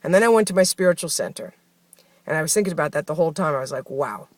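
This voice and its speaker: A woman's voice: low-pitched, lively intonation, rapid-fire, darkish tone, no echo. A woman speaking a heartfelt personal diary, telling her story in a reflective, conversational way, with many fillers. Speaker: host of a spoken daily journey series.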